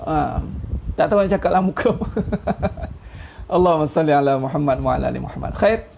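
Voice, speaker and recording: A middle-aged man with a Malaysian Malay accent preaches in a relaxed, conversational way, teasing his listeners and laughing softly now and then. His voice sits high for a man and carries a gravelly, frayed edge. A faint hiss of background noise runs under the recording. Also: a little fast. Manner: chatty, teasing, chuckles at his own jokes. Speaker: ustaz giving an online religious talk. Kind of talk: informal sermon.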